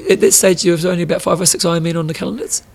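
A man's voice: sits high, steady tone, very fast, creaky, a crowd in the background. A man doing a casual sports interview, asking informal, curious questions in a chatty way.

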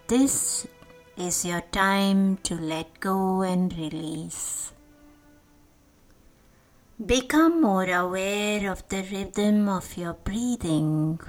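A woman with a fairly low voice leads a guided sleep meditation over music. She speaks extremely slowly and gently, leaving long, deliberate pauses so that each phrase feels soothing.

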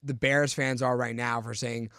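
A man's voice: mid-range voice, level tone, moderate pace, a bit bright, no echo, studio quality. A man co-hosting a casual sports talk show, building his points with stammered restarts. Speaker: sports podcast co-host.

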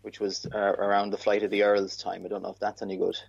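Male quiz contestant, fast and creaky, tentative casual delivery, dull lo-fi recording. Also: on the low side, monotone, dry recording. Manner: tentative, thinking aloud.

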